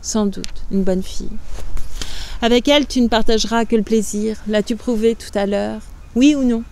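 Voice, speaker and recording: A woman voicing a sly, cruel sixteen-year-old girl who taunts in a soft, low voice, in a storybook reading. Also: steady tone, moderate pace, vocal fry. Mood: taunting.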